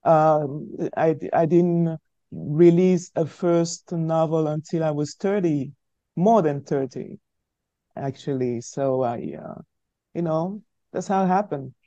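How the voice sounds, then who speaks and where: Middle-aged woman, slow unhurried delivery, dry dull lo-fi remote audio. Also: low voice, mellow, no room sound. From Cameroon. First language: French. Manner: hesitant, searching for words, frequent stammered restarts. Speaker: author guest. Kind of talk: conversational interview answers.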